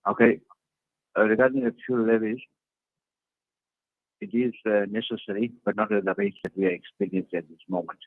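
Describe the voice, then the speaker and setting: A party councillor answers interview questions earnestly over a video call, repeating his points for emphasis. His medium-pitched voice is animated, brisk and gravelly with frequent pauses, and the line sounds tinny and dry with no room sound.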